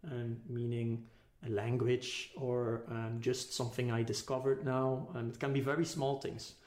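Tentative and philosophical, a podcast guest searches for words while thinking aloud in a casual reflective conversation. He has a medium-pitched, slightly mellow voice with a level tone and unhurried pace, and the sound is echoey and roomy.

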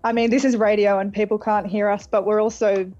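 A woman's voice: mid-range voice, level tone, fairly quick, darkish tone, dry recording, faint music behind. A woman with an Australian accent chatting casually and reflectively as a singer being interviewed over a video call. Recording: phone-like thin sound of video call.

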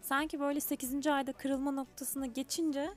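A woman's voice: sits high, level tone, a little fast, soft background music. A woman co-hosting a casual radio chat in a playful, teasing manner.

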